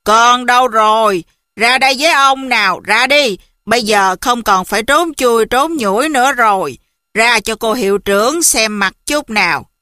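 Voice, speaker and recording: Gentle, coaxing elderly man, read by a woman, bright and dry. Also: on the high side, moderate pace, no echo. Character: kindly elderly man, a school guard.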